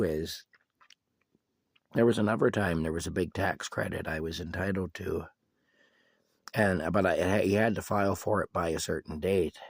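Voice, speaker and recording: A sick man with a cough, giving a casual, rambling video update from inside his camper, halting and restarting often. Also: low-pitched, dry recording. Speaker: vlogger giving a personal update.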